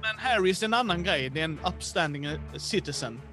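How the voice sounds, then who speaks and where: A man's voice: high voice, soft background music. En man som berättar som spelledare i ett rollspel, livligt och vardagligt med mycket utfyllnadsord. Rösten är ganska ljus för en man, och svag musik hörs i bakgrunden. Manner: animated, many fillers. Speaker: game master. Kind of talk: casual role-play narration.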